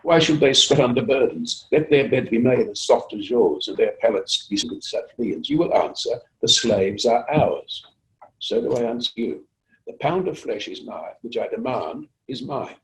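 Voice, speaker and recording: A man's voice: mid-range voice, lively intonation, moderate pace, voice pushed up, natural voice, poor audio. A man performing Shylock, defiant and declamatory. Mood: defiant demanding. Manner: emphatic, declamatory. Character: Shylock, defiant wronged moneylender arguing in court. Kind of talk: theatrical Shakespearean recitation.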